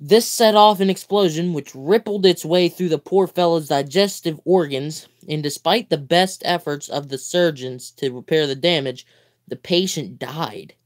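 A man's voice: fairly high pitch, moderate pace. A sleepy young man hosting a casual live stream, reading a book aloud and breaking off with goofy, chatty asides. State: sleepy, yawning.

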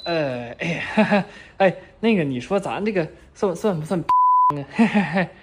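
Woman playing a cheeky, bumbling boyfriend, lively pitch. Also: normal speed, very noisy, natural voice. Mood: cheeky, coaxing. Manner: bumbling, stammering, giggly. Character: cheeky, eager young childhood friend playing fake boyfriend. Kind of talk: casual comedy skit.

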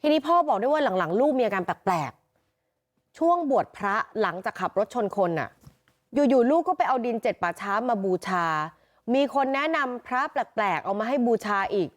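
A woman field reporter telling a news story in a chatty, animated way. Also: a little high, normal speed.

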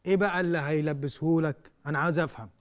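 Male actor: insistent Egyptian customer, raised pitch, rapid-fire questioning. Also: steady tone, natural voice. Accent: Egyptian Arabic. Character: exasperated male customer demanding answers. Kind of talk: comedy sketch acting.

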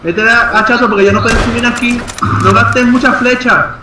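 A man's voice: very high-pitched, steady tone, fast talker, far from the mic. A man playing an online game, exclaiming often and coaching his teammates on what to do. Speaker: gamer. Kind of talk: excited multiplayer gameplay chat. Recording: roomy, off-mic, noisy game audio.

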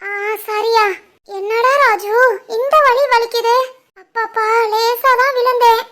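A woman voicing a frail old mother, very high. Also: steady tone, slow, a bit bright, full character voice. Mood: sore, sleepy. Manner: groaning, drowsy. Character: elderly mother with a hurt leg, complaining. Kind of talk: animated family drama voicing.

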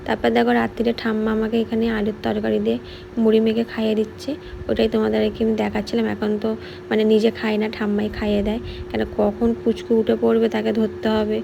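Woman, casual vlog voice-over, chatty, quick talker, gravelly, faint noise behind. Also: on the high side, monotone, highs cut off. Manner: chatty, points out what she eats.

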